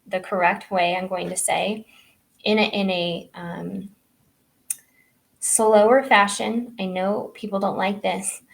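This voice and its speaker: A woman's voice: medium pitch, gravelly. Chatty woman health coach, casual delivery. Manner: casual, with many fillers and "right?" tags. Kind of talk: live online training talk.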